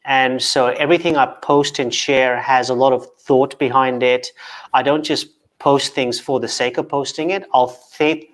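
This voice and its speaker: This guest on a casual video call grew up in Kenya and learned English as a second language. His male voice is medium in pitch and steady in tone at a normal speed, though he keeps repeating words and restarting with a stutter.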